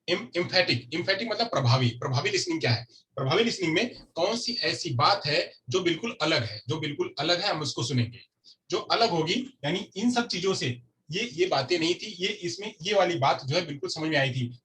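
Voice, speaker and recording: A man's voice: a little high, fairly bright tone. A man teaching a lecture class who keeps repeating key terms and asks and answers his own questions. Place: classroom with a board.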